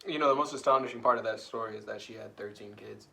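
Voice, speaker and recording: A man's voice: on the low side, quick pace, creaky, bright, forceful tone. A young man co-hosting a casual chat, full of sarcastic jokes and banter. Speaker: podcast co-host. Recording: faint noise, faulty mic.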